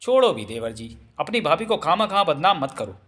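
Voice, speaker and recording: A woman's voice: low-pitched, very animated, fairly quick, a bit bright. A male narrator voicing a young wife who talks in a sugary, teasing, coaxing way in a storybook reading. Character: sweet-talking scheming young wife, teasing. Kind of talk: audiobook character voice.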